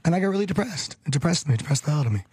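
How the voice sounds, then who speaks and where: A man's voice: a little high, expressive, rapid-fire, darkish tone, husky, no echo. A man in his thirties from Hollywood, California, chatting as a radio show guest, rambling and repeating phrases with frequent chuckles. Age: 30s. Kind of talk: casual radio chat.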